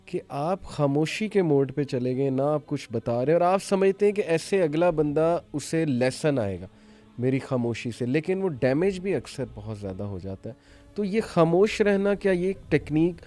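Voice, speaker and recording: A man's voice: fairly high pitch, animated, warm tone. A man hosting a panel discussion who often murmurs agreement between his own points. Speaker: host.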